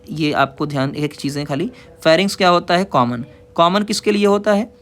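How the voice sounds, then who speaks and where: A man teaching a biology lesson, reading English lines slowly and explaining them in casual Hindi while asking and answering his own questions. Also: on the high side, fairly bright tone. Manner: informal, says "yaar" and "bhai". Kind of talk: classroom lecture explaining a diagram.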